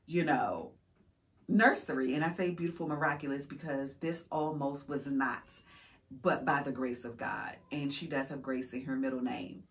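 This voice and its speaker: A woman's voice: a bass voice, fairly even intonation, normal speed. A woman in her thirties, a mother of five vlogging, telling her story earnestly with faith-filled, encouraging repetition. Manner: earnest and encouraging, acts out quoted voices. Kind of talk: casual heartfelt storytelling to camera.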